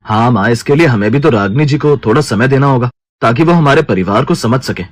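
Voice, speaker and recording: Cartoon voice: man playing a polite, mild husband, mid-pitched, dry close sound. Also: lively intonation, fairly quick, no echo, natural voice. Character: mild young husband and family men.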